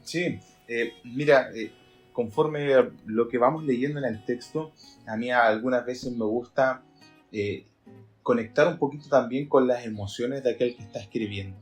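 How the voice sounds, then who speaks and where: A pastor talks earnestly on a Bible podcast, often acting out the verses he reads. His voice sits at an ordinary middle pitch. Faint guitar music runs behind him. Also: normal speed. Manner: earnest, explains by acting out readings.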